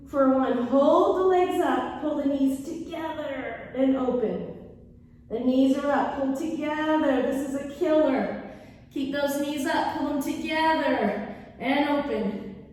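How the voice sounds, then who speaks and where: A woman's voice: high-pitched, darkish tone. A woman teaching Pilates as an instructor, cueing and counting movements in short commands. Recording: echoey hall, distant mic, faint noise.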